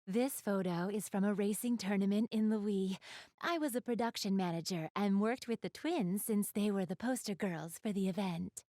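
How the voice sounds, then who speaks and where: Speaking straight to the listener as a refined, doting big-sister goddess in a video game, a woman sounds proud and gushes over what she loves in formal, polite phrasing. Her mid-range voice is mellow and natural at normal speed, captured dry at studio quality.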